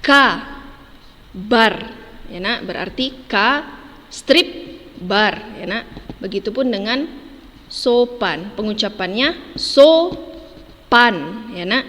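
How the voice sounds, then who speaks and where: A woman's voice: mid-range voice, measured pace, long pauses, sharp tone, long reverb tail. A woman teaching a children's lesson, patiently spelling words out syllable by syllable and tagging "ya, Nak" onto every phrase. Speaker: primary school teacher.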